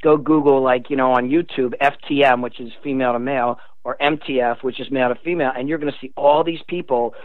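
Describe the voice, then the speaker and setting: Speaking quickly with hardly any pauses, the older guest author keeps a medium pitch and fairly even intonation. He explains things earnestly and emphatically in a radio interview, his voice coming through a tinny phone line with no echo.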